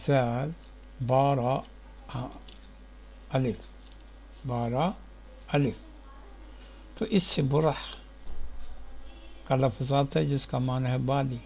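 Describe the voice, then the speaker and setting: A man teaching word origins in a slow, deliberate lecture, spelling out letters one by one, recorded in a sitting room at home. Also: medium pitch, creaky, dark tone, a little hiss or hum, rough recording. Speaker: etymology teacher.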